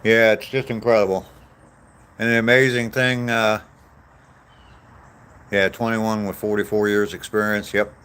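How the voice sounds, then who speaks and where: A man in his sixties, a vlogger on an outdoor walk, rambles casually through live-chat comments with meandering, self-deprecating answers. His voice sits on the low side, clear and resonant, fairly bright and level in tone, and he's unhurried, pausing often.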